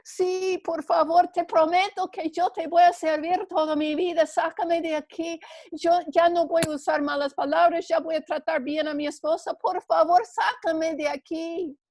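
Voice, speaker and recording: A woman voicing a panicked man hanging from a branch over a cliff, pleading and shouting for help. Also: very high-pitched, little pitch movement, measured pace, hardly any pauses, voice pushed up.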